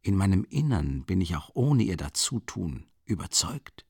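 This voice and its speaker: An actor voicing a shrewd middle-aged investigator who speaks in a calm, insistent half-whisper. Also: male voice, deep voice, measured pace, gravelly, husky, no room sound, clean studio sound, exaggerated voice. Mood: calm, persuasive.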